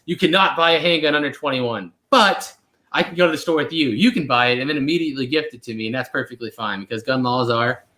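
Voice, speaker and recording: This twenty-something channel host has a mid-range voice that sounds pushed and bright, and he talks fast. He's chatting in a casual live question-and-answer stream, laid-back and rambling with frequent fillers. There's a roomy echo to the recording.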